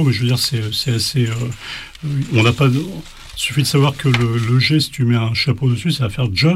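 Male teacher, casual spoken lesson, halting delivery, faint hiss with clicks. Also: mid-range voice. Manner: hesitant, many fillers and restarts. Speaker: language teacher.

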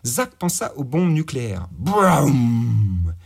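A man's voice: fairly high pitch, lively intonation, brisk, husky. A man narrating a gritty crime story in slangy, vivid audiobook style. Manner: slangy, vivid, voices characters. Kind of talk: audiobook narration with character voices.

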